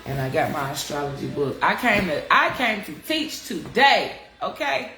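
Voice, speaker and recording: Her voice is on the low side, expressive, pushed and bright, at a normal speed, and it echoes in a reverberant space. This congested astrology teacher chats frankly on a live stream through a device mic, cursing freely and calling her viewers y'all.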